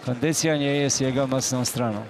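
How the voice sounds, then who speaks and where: A man giving live boxing commentary in a conversational manner, often pausing with fillers. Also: medium pitch, steady tone, background noise.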